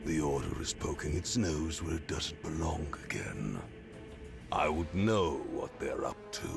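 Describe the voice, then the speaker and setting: A menacing game sovereign speaks in an extremely deep, gravelly growl. He is slow, formal and commanding, with prominent music behind him. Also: exaggerated voice. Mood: cold command. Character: stern, menacing male sovereign giving orders.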